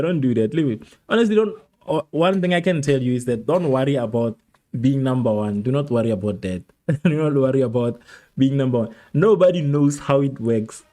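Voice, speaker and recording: A man's voice: mid-range voice, mellow. A man from South Africa hosting a live football watchalong stream, chatting loosely with viewers, laughing and repeating himself as he answers chat. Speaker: livestream host.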